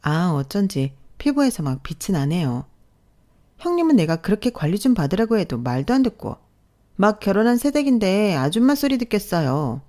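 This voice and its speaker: A woman voicing a vain, sharp-tongued young married woman who talks in a snippy, scornful way, in a storytelling role-play. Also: medium pitch, very animated, moderate pace, pitched above the performer's own voice, close to an everyday voice. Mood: boastful.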